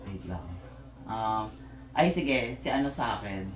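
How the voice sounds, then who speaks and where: A woman's voice: extremely low pitch, animated, slow pace, slight background noise. A woman casting votes in a casual chat, hesitant and searching for words, giggling now and then. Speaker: housemate casting eviction votes. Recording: roomy echo.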